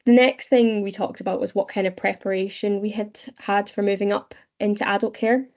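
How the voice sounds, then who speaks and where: Flat, gravelly-voiced Scottish woman presenting. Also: mid-range voice, dull audio. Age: 20s. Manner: steady, explanatory, with frequent "um" pauses. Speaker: webinar presenter, young leader. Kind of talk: presenting an online webinar. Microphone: video call.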